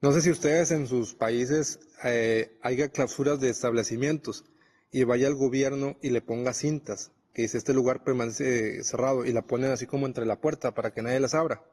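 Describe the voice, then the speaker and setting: A man's voice: medium pitch, fairly even intonation, normal speed, darkish tone, slightly rough, in a large hall. A man preaching a Bible study, reading scripture and explaining it conversationally.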